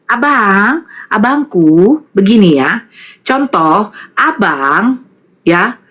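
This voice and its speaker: A woman's voice: medium pitch, very animated, very slow, pushed and bright, slightly rough. A woman in a heated interfaith debate, pressing her opponent with rhetorical questions and made-up examples.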